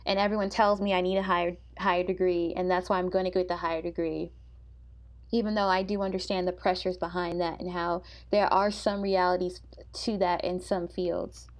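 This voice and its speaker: A young woman co-hosting a podcast, chatting casually in a soft, comforting voice and laughing often. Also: lowish voice. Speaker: podcast co-host. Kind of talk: casual chat.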